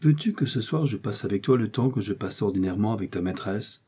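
Man as a cunning young gallant, coaxing, low husky voice. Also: expressive, fairly quick, dark tone. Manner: smooth, coaxing.

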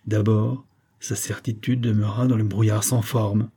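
A man narrates a gothic novel in a measured, literary reading. His voice sits low and dark, with a husky edge to it. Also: little pitch movement. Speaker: audiobook narrator. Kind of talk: scripted narration.

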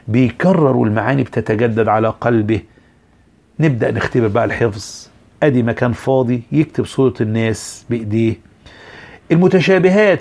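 A man's voice: medium pitch, gravelly. A man with an Egyptian accent giving a training lecture for teachers, acting out how to coax children in class. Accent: Egyptian Arabic. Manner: animated, switches between explaining and acting out a teacher coaxing children.

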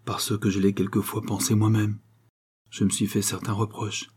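A man's voice: lowish voice, level tone, normal speed, a little mellow, breathy edge. A man playing a troubled middle-aged painter father, talking lightly and reassuringly over his strain.

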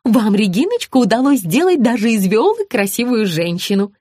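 A woman's voice: high voice, sing-song, slow pace, dry recording, clean studio sound, pitched above the performer's own voice, heavily acted. A woman voicing a gushing, fussy woman who showers someone with exclamations, in an audiobook reading.

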